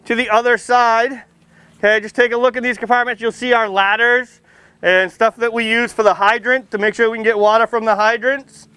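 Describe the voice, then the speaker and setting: Under a tent beside a fire truck, an American firefighter gives little children a casual outdoor demonstration, projecting folksily and posing simple questions. His very high voice is bright, forceful, clean and steady, his pace brisk, with no room sound.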